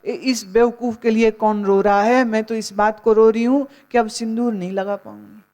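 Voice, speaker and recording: A woman's voice: on the high side, fairly even intonation, normal speed, darkish tone, long reverb tail, lightly acted. A woman voicing a vain new widow who cries more for herself than for her husband, told as a joke in a sermon. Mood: self-pitying.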